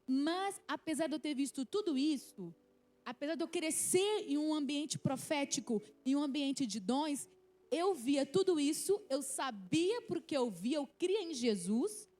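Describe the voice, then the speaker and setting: A woman's voice: high voice, warm tone. A woman in her thirties from Rio de Janeiro, with a Carioca accent, telling a personal testimony at a church youth service in an earnest, storytelling way. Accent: Carioca Brazilian Portuguese. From Rio de Janeiro, Brazil. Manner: earnest storytelling, many restarts and "né?" asides. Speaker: testimony speaker.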